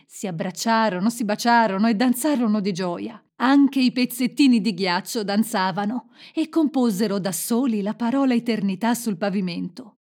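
A woman narrating a fairy tale in a gentle, expressive storytelling manner. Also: on the high side, moderate pace, few pauses.

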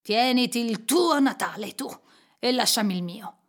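A woman's voice: on the high side, expressive, moderate pace. Woman putting on grumpy miser Scrooge. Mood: scornful. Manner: sharp, scornful.

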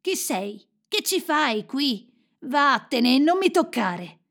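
A woman's voice: sits high, big pitch swings, slow, creaky, a bit bright, pitched above the performer's own voice, exaggerated voice. A woman voicing a young boy with a frozen heart in a storybook, curt and cold.

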